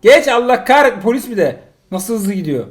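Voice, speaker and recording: With a very high voice at a normal speed, a middle-aged man casually narrates a mobile driving game he's playing with his son. He's full of jokes, flipping between excitable and exasperated.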